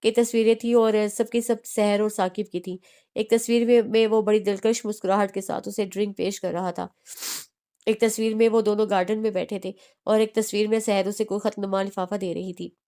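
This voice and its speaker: A woman's voice: mid-range voice, moderate pace, smooth. Woman reading a romance novel aloud. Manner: steady reading with small restarts. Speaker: audiobook narrator.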